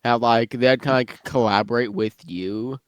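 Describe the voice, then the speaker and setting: A man's voice: medium pitch, fairly even intonation, moderate pace, clean tone, dry recording, studio quality. Rambling man, muffled mid-bite. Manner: rambling, many fillers and restarts. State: eating while talking, slightly muffled. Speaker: guest worldbuilder. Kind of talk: casual chat about fictional lore.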